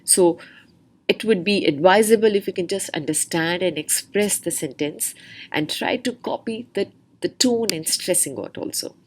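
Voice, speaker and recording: A woman's voice: lowish voice, moderate pace, darkish tone, slight background noise. A woman tutor giving a spoken lesson on exam speaking tips, explaining step by step and reading example sentences aloud with different words stressed.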